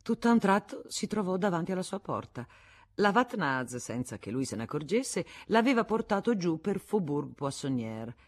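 A man narrating a novel as an audiobook, with measured literary reading. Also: sits high, very animated.

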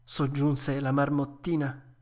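A woman narrating a classic children's story in a measured, expressive way. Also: very deep voice. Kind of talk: storybook reading.

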